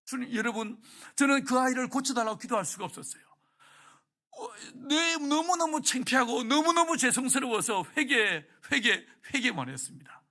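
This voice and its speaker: Guy pastor preaching, really high voice, tells his story all emotional and keeps asking the church questions. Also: animated, moderate pace, pushed and bright. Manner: emotional storytelling that acts out prayers and asks the congregation questions. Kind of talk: sermon.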